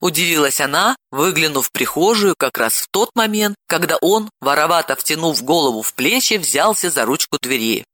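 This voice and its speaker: A man narrating an audiobook with an expressive, dramatic reading. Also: on the high side, moderate pace, few pauses, no echo, clean studio sound.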